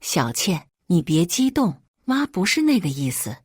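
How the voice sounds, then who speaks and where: A woman reading a story, voicing a young husband in a soft, coaxing way. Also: lowish voice, big pitch swings, measured pace, husky, no room sound, clean studio sound, heavily acted. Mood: soothing. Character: gentle soothing young husband.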